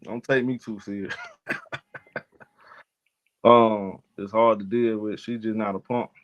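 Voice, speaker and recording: A man's voice: lowish voice, level tone, a little slow, dull audio. A man hosting a casual sports talk live stream, loose and argumentative, talking back to his chat in slang.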